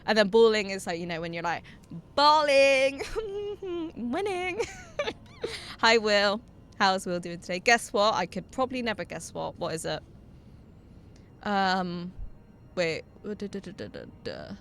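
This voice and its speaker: A young woman chats with her viewers while she plays a game, reading out their messages and breaking into giggles. Her voice leaps up and down with lively energy, and she swears casually. A faint hiss sits under the recording. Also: medium pitch, unhurried, long pauses. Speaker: streamer. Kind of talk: casual live-stream chat while gaming.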